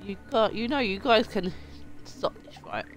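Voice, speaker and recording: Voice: medium pitch, lively intonation, normal speed. A groggy-sounding gamer with a sore throat, playfully giving casual let's play commentary and reading dialogue aloud, sex unclear. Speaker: gaming video host. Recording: music behind the voice. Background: game music.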